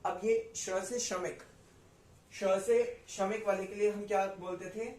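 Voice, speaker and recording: High-voiced man drilling pronunciation slowly. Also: steady tone, darkish tone, roomy sound. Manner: repeats words slowly for learners to copy. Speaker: Sanskrit teacher. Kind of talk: pronunciation lesson.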